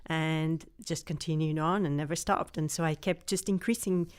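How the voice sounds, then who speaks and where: A woman's voice: sits low, fairly even intonation, normal speed, a little mellow, smooth. A middle-aged woman raised in Portugal, earnestly explaining her microbiology research in an interview. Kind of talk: interview answers.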